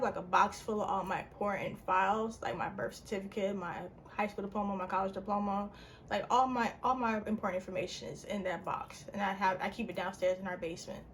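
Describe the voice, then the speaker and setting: A young woman casually telling a personal story on her channel, her voice jumping up in pitch and full of "like" fillers. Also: a little hiss or hum. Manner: animated, with big pitch jumps and frequent "like" fillers. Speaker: vlogger.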